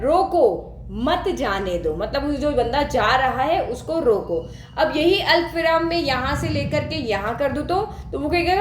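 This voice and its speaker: A woman math teacher with a high voice, recorded in an echoey room. She talks straight to her students, puts questions to them and repeats each point for emphasis. Her tone stays patient as she walks through the steps. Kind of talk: classroom lesson explaining on a board.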